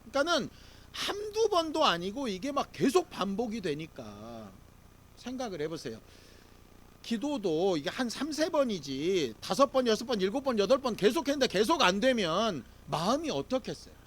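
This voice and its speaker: In an extremely high, fairly bright voice, a man preaches a Sunday sermon as pastor. He keeps it conversational, poses rhetorical questions, and leads the congregation in reading scripture aloud.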